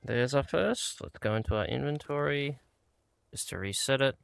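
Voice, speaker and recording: A man's voice: medium pitch, animated, normal speed, vocal fry, clean tone. A man giving laid-back, casual commentary as he plays a game and talks himself through it. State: out of breath at times. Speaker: gaming channel host.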